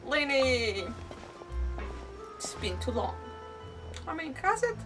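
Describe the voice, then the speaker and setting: A woman streamer chats slowly in a high-pitched, sing-song voice while commenting on her game. Her talk is rambling and hesitant, sprinkled with mild substitute swearwords. The mic sits at a distance, and faint game music plays behind.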